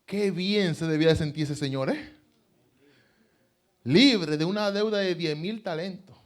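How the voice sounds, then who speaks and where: A male pastor delivers a sermon at a slow, deliberate pace, his voice sitting a little high for a man. He presses his points with emphatic retelling and pointed rhetorical questions.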